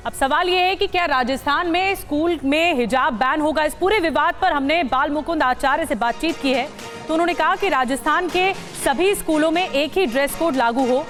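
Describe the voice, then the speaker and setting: High-voiced female news presenter. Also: normal speed, over music. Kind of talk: scripted news reading.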